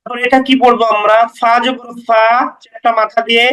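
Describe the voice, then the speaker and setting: A man's voice: very high-pitched, flat delivery, fairly quick, sharp tone, rough recording. A man teaching beginners to read the Quran, spelling out each letter and vowel mark syllable by syllable with patient, brief explanations.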